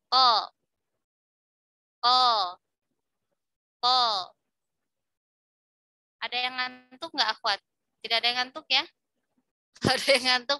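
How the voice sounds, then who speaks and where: Woman, middle-aged, recitation teacher, online lesson, patient, repeats syllables, crisp bright voice, dry close sound. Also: high-pitched, no echo. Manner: halting, with fillers and self-corrections.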